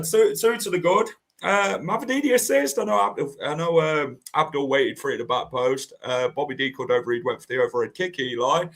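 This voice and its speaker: A man hosting a casual football podcast, leading the talk and putting questions to his co-hosts. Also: fairly high pitch. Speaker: podcast host.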